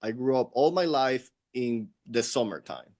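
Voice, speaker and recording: Interview guest: middle-aged Venezuelan man, Spanish accent, mid-pitched, earnest and reflective storyteller. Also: lively intonation, unhurried, a little mellow.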